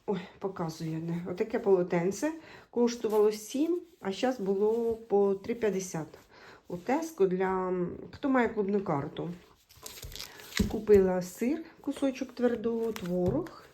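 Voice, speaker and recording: A woman from Ukraine vlogs in a chatty, homely style, speaking directly to viewers as she shows her groceries and meals, partly while riding in a moving car. Her mid-range voice is unhurried with lively intonation, and loud background noise, including car sounds, fills the recording.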